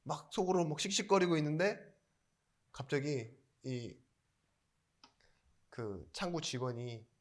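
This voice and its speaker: A male pastor preaching a sermon in a chatty storytelling way. He asks the congregation questions and rises into loud emphatic bursts. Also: a little high, expressive, unhurried, long pauses.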